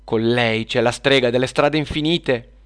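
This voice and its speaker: A man voicing an excited young superhero girl calling out what she sees. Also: mid-range voice, moderate pace, clean tone, lightly acted. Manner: excited, shouting.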